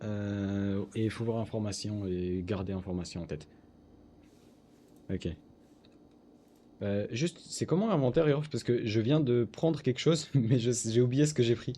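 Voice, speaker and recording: A young man streaming a horror game, talking casually to his viewers in slangy bursts that swing from low muttering to excited yelps. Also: unhurried, a little hiss or hum. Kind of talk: casual live-stream gameplay commentary.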